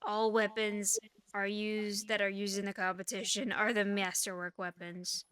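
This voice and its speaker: A woman's voice: medium pitch, level tone, normal speed, fairly bright tone, no echo. A woman narrating a tabletop game as game master, hesitant and full of fillers.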